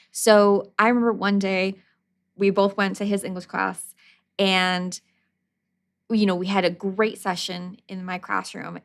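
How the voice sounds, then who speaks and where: Woman podcast co-host, lively storyteller who laughs often and acts out the voices she quotes. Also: medium pitch, gravelly. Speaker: podcast co-host, literacy educator. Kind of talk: casual podcast chat.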